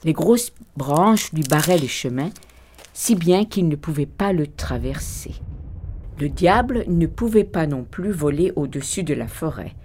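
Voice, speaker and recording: A woman narrating a folk legend in a calm, even, scripted storytelling manner. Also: low voice, slight background noise.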